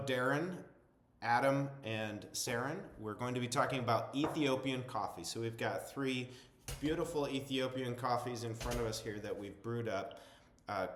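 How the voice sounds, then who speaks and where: A man's voice: medium pitch, fairly bright tone, slight background noise. A man hosting a coffee interview show, upbeat and welcoming as he introduces the guest and the coffees. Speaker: show host. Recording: roomy echoey sound.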